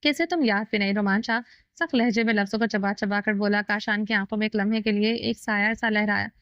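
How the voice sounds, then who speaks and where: A woman reading a romantic novel aloud as narrator, with a steady, even storytelling delivery. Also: mid-range voice, fairly quick, clean tone, dry recording. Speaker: audiobook narrator. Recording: dull lo-fi dry recording.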